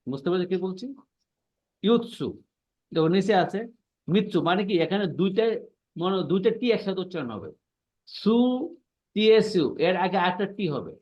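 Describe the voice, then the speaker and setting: Male language teacher, fairly high voice, patient and repetitive, checks understanding often; muffled online-class audio. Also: very animated, fairly quick, a little mellow. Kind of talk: online class explaining pronunciation.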